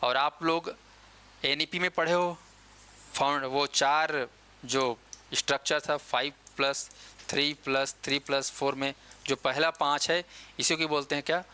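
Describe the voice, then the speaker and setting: Bright, clear-voiced male coaching teacher. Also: fairly high pitch, steady tone. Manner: quizzing students with quick questions and answering them himself; slows down to dictate key dates and terms. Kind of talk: classroom lecture.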